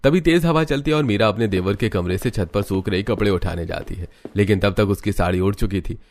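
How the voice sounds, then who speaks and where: A man narrating a cartoon story in an even storytelling manner. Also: on the low side, brisk.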